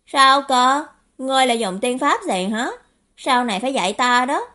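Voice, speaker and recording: A woman voicing a playful, mischievous young man in an audiobook, with bright teasing exclamations. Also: high voice, normal speed, pitched above the performer's own voice. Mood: cheeky excited. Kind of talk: audiobook character voice.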